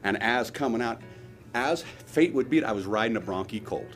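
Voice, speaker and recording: A man's voice: fairly low pitch, animated, a little fast, soft background music. A man telling a practised, humorous anecdote in a vivid, wry way, as a rancher storyteller. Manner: vivid, wry, acts out dialogue.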